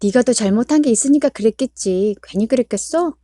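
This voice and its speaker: A woman's voice: on the high side, expressive, fairly quick, dark tone, no echo, clean studio sound, pitched above the performer's own voice. A woman voicing a stern mother who scolds and lectures her child sharply. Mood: scolding.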